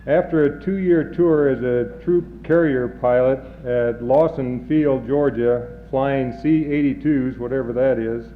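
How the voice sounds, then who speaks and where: A man's voice: mid-range voice, unhurried, few pauses. A man, a second in command, reading out a colleague's career history at a retirement party with light asides, heard on old worn reel-to-reel tape. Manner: steady, slightly self-correcting, light asides. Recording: dull worn 1970s tape with faint noise.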